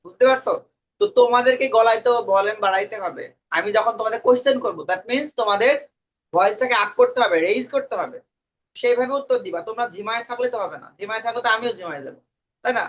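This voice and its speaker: A man's voice: very high-pitched, fast talker, a bit bright, a little hiss or hum. A man teaching an English lesson, quizzing his students and mixing English words into his talk. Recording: dull lo-fi recording.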